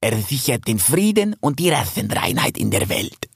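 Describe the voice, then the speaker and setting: A man voicing a young, aggressive male stag who guards the forest, gruff and accusing, often shouting. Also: mid-range voice, big pitch swings, normal speed, no room sound, clean studio sound, exaggerated voice. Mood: formal.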